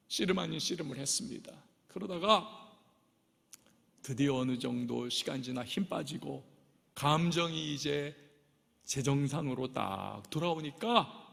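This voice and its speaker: Pastor guy preaching, high gravelly voice, goes quiet then loud, long church echo. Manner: dramatic storytelling, swings between soft and loud. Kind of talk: sermon. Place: large church sanctuary. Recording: long reverb of a church hall.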